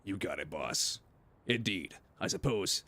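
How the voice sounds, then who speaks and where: A deep, gruff henchman, as a man puts him on who answers his boss in formal, clipped replies. The voice sits low and heavy. He sounds dutiful and stiff. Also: lively intonation, measured pace, bright, forceful tone, exaggerated voice. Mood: deferential. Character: deep-voiced gruff male underling, obedient.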